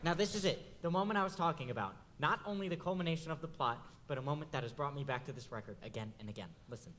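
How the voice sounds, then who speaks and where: A man's voice: a little high, quick pace, a bit bright, slight background noise, natural voice. A young man playing a nostalgic, rambling theatre fan who confides in the audience during a stage musical. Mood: wistful. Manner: confiding, chatty asides to the audience.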